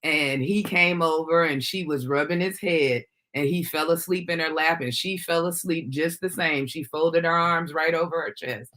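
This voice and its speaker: A woman presenter narrating family photos in an animated, storytelling manner. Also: low-pitched, normal speed, few pauses. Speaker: workshop presenter, family caregiver.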